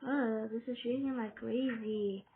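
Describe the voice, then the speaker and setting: A British woman rambles casually while playing a game, chatting to herself in a slightly high, steady voice at a somewhat slow pace. The recording is tinny and lo-fi, with noise.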